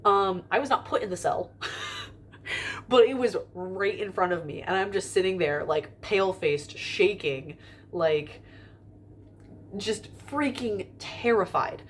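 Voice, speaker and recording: A woman's voice: mid-range voice, slow, a little hiss or hum. A young woman telling a story to the camera in an airport terminal, rambling with lots of fillers and restarts. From United States. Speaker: vlogger. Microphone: camera filming herself in front of a window.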